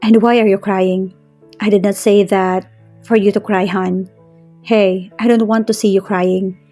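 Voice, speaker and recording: A woman voicing an earnest young man who speaks slowly and softly to the woman he loves. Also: mid-range voice, flat delivery, soft background music, lightly acted. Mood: coaxing. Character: tender, earnest young man courting his love.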